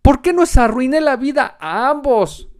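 A man doing a shrill, frazzled parent. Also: lively intonation, unhurried. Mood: exasperated. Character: frazzled parent ranting at their child.

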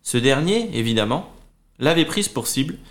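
Male storyteller for kids, lots of melody in the voice, expressive. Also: mid-range voice, normal speed. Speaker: children's storyteller and co-host. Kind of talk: expressive children's story narration.

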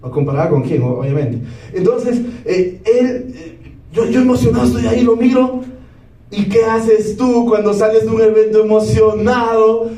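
High-voiced man rousing a hall crowd. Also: moderate pace, mellow. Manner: keeps asking the crowd yes or no. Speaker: motivational speaker. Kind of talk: lively stage talk to an audience. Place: large hall with a live audience. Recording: echoey hall, speaker far from the mic.

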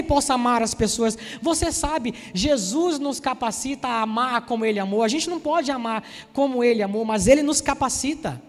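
Preaching a sermon in a large hall, a Salvador, Bahia man in his forties speaks Brazilian Portuguese with a Bahian accent. His voice is very high-pitched as he shares personal stories and addresses the congregation directly with lively asides.

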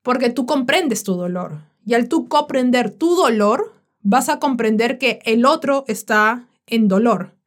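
Woman doing a podcast monologue, slow and blunt, casual slangy talk. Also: on the high side, expressive. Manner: slow, frank, colloquial. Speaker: podcast host. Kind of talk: reflective monologue.

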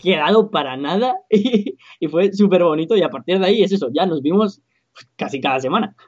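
A young man, co-hosting a casual podcast and telling an anecdote in a relaxed way. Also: sits high, fairly quick, slightly rough, dry recording. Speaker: podcast co-host. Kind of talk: casual chat. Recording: dull, dry, lo-fi sound.

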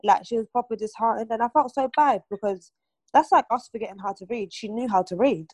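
A young woman talks in a relaxed group discussion, looping through "like" and restarting her sentences. Her voice sits close and dry, with no room around it. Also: on the high side, brisk, slightly rough, dry recording. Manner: chatty, many fillers and restarts. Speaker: aunt and mother of a toddler.

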